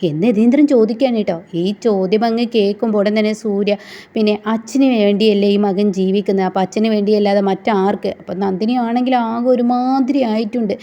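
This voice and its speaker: A woman's voice: mid-range voice, steady tone, a little fast, mellow. A woman casually retelling a TV serial episode in a chatty way, in a dull lo-fi recording. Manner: chatty, with a tag word after many sentences. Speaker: serial recap storyteller. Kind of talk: casual story recap.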